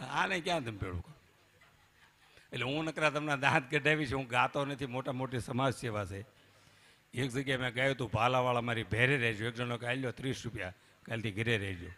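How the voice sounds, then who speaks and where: A man doing live folk comedy, telling jokes and anecdotes on stage and swinging between loud bursts and hushed asides. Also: medium pitch, brisk, pauses often, slight background noise. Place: live stage before a temple audience.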